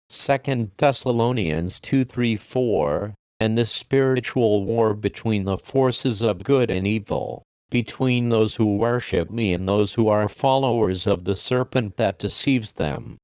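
A man giving a solemn, measured scripted reading of a religious message, slowing down for the scripture references. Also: lowish voice, a little mellow, smooth, no room sound, studio quality. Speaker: reader of a religious prophecy message.

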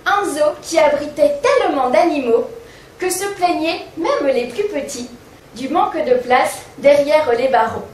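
A woman's voice: sits high, lively intonation, a little slow, a little mellow, a little hiss or hum. A woman comedian reciting a rhyming comic tale on stage in a sing-song, mock-innocent manner. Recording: echoey stage sound from far off.

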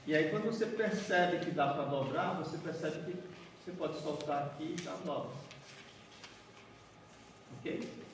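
A man's voice: on the high side, measured pace, pauses often, slight background noise. Chatty man in an echoey hall. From Bahia, Brazil. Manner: chatty, keeps asking "né?" and "certo?", walking and folding paper. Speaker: origami speaker. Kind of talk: workshop talk to a seated group. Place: large dim conference room. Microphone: far room camera, no mic seen. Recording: echoey hall heard from far off.

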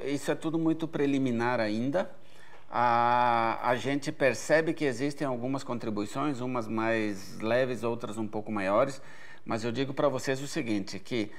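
Speaking from an event stage, this agronomy researcher from Brazil, a man in his forties, fields questions from viewers as an expert. His mid-range voice is careful and explanatory, often broken by hesitant fillers.

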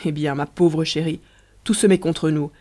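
A reader voicing Riquet, a tender, rueful young man in love, in an audiobook, speaking gently and plaintively in a mellow voice. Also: medium pitch, steady tone, moderate pace, lightly acted. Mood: dépité.

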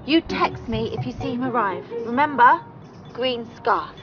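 Brief: young woman dating, high, lively, exasperated, music behind. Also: measured pace, highs cut off. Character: young woman on a blind date. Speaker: actor in a learning drama. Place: outdoors in a park by a lake.

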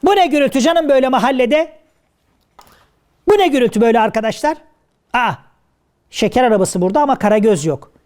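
A man voicing Hacivat, a pompous, learned gentleman in a traditional shadow puppet play, who talks in a preachy, lecturing way. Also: very high-pitched, lively intonation, quick pace, pauses often. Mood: puzzled.

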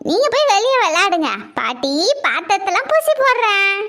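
A wily old grandmother, put on by a woman in a comedy skit, speaking in a very high, thin voice. She mutters darkly about her daughter-in-law and fusses over her grandchild. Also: big pitch swings, brisk, fairly bright tone, full character voice. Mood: doting. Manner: muttering suspicious asides, fussy and doting with the child. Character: scheming old mother-in-law, doting grandmother.

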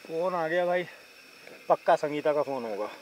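A man's voice: a little high, animated, moderate pace, muffled recording, very noisy. Chatty man camping outdoors at night. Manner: chatty, keeps calling viewers brother. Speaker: vlogger. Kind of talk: casual solo camping vlog. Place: outdoors at night beside a tractor caravan on a hilltop.

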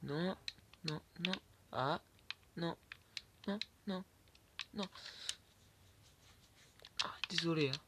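Speaking very slowly with frequent pauses, this YouTuber has a slightly high voice, and there's background noise. In his Minecraft let's play commentary he talks to himself, curses, and at times lowers to a whisper while his keyboard and mouse click away.

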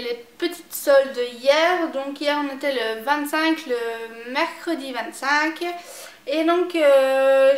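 A young woman with a high voice, chatting about her purchases as a beauty vlogger. She talks slowly, hesitating and stopping often with filler sounds. The recording has a noticeable room echo. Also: a bit bright, a little hiss or hum. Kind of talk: casual shopping haul talk. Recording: echoey room.

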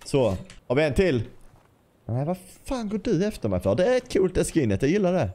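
A man's voice: on the high side, very animated, dark tone. Chatty man commentating his gameplay. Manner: chatty, swears casually, talks straight to viewers; bursts into playful scatting and sound effects. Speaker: gaming YouTuber.

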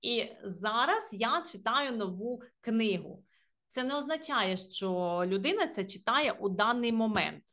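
A young woman teaching English grammar in a video lesson, reading example sentences slowly and then explaining them patiently. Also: on the high side, animated, a bit bright.

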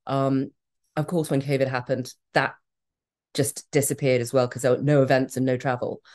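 Speaking in a rumbling low voice with a level, darkish tone, a middle-aged woman sits as a guest in a candid interview. She's from Australia, has a British accent, and comes across as frank and emphatic, quick to break into laughter.

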